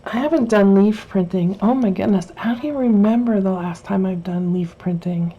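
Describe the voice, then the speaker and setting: A woman's voice: medium pitch, normal speed, muffled recording. A woman casually talking through a Bible journaling craft tutorial, chatty and rambling, with many fillers and restarts. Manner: chatty, rambling, self-correcting with frequent fillers.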